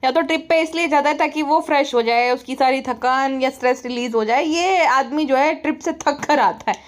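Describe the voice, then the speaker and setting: A woman's voice: sits high, normal speed. A woman doing sarcastic, mocking parody commentary in a chatty, scolding way. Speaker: comedy commentator.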